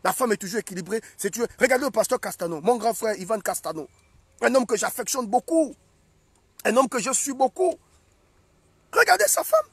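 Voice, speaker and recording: High, gravelly young preacher man. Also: big pitch swings, a little fast, fairly bright tone, no room sound. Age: young adult. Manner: emphatic and repetitive, acts out scenes. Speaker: prophet preaching. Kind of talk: animated sermon.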